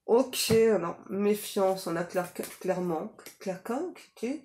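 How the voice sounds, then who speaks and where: A woman's voice: medium pitch, slow pace, a little mellow. A woman giving a casual psychic reading to viewers, talking in a chatty way with many fillers and tag questions. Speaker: psychic reader. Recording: echoey room, faint noise.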